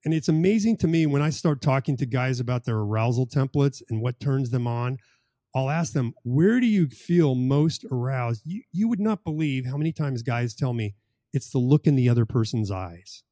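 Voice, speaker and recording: A man's voice: mid-range voice, expressive, moderate pace, warm tone, no echo, studio quality. A man co-hosting a podcast conversation, making his points emphatically and repeating key phrases for stress. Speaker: podcast co-host.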